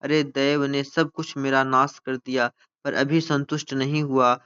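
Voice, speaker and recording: A lamenting figure of the nation, male and grief-stricken, crying out his losses in a slow, drawn recitation from a stage play, as a male teacher reads him aloud. His voice is smooth and resonant on a slightly dull, lo-fi recording. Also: medium pitch, level tone, a bit bright, natural voice. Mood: pleading. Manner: slow mournful recitation of dramatic text. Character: personified India, male, grieving and lamenting.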